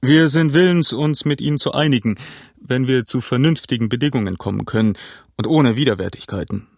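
A man voicing a jovial, cunning one-legged pirate leader, talking in a smooth, mock-polite way in an audiobook. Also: medium pitch, fairly quick, dry recording, studio quality. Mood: wheedling. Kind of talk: audiobook character voice.

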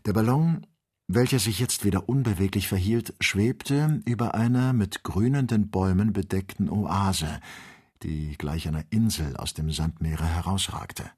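A man reading an adventure novel aloud as audiobook narrator, in measured storytelling. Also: sits low, a little mellow, breathy edge. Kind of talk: scripted narration.

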